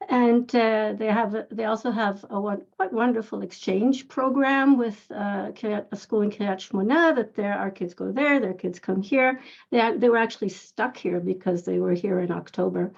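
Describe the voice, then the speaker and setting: Woman, 50s, from Israel, gravelly and creaky, earnest and rambling, dull lo-fi call audio. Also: mid-range voice, normal speed. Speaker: audience member asking a question. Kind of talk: conversational question on a video call. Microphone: video call.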